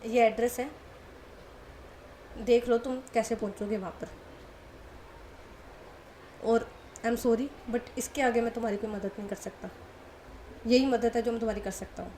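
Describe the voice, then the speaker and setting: A woman voicing a gentle grown man who speaks softly and kindly to two girls. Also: on the high side, steady tone, moderate pace, long pauses, slight background noise, close to an everyday voice. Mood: apologetic. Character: gentle adult man, fond uncle type.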